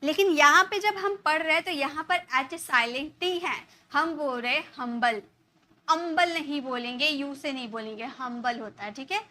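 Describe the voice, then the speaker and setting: A woman's voice: sits high, moderate pace, few pauses, sharp tone. A woman teaching a spoken English lesson in Hindi, explaining step by step and asking and answering her own questions.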